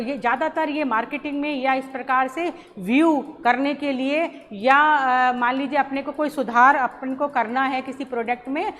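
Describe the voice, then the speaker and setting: A woman college lecturer giving a recorded lesson, explaining slowly with many pauses and restarts. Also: high voice. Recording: roomy hall echo, faint ambience.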